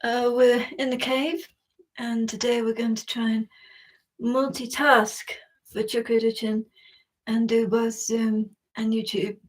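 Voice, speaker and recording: A woman's voice: fairly high pitch, flat delivery, measured pace. A woman leading a prayer practice from inside a cave, reciting a liturgy steadily, her voice carrying the cave's echo. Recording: echoey cave, voice far from mic.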